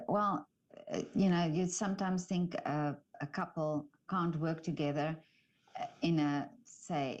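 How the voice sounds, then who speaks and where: A woman's voice: low voice, a little mellow, lo-fi sound. A woman interviewing two musicians, who hunts for her words and restarts her sentences often. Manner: halting, searching for words with many restarts. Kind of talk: conversational interview.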